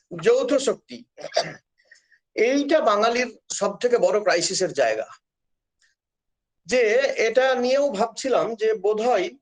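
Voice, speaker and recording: A middle-aged man, a professor, giving an earnest, emphatic public lecture and repeating his key points. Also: high-pitched. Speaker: professor of Bengali.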